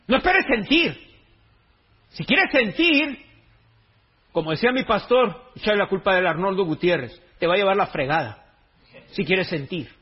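A man's voice: high-pitched, lively intonation, moderate pace, long pauses, slightly rough, lo-fi sound. A man preaching a sermon in a joking, conversational way, full of slang. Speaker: pastor.

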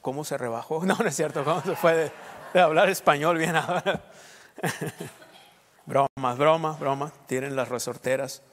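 A man with a Sonoran Mexican accent, a pastor preaching a sermon with lively asides and jokes to his congregation. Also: on the high side, unhurried, long reverb tail, a little hiss or hum. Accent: Sonoran Mexican Spanish. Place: church.

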